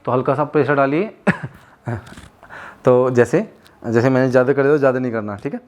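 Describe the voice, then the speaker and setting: Young guy teaching a class, slow and patient, drags out sounds, throws in little jokes. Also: mid-range voice, dull audio. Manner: explains slowly with drawn-out sounds. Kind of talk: classroom lesson.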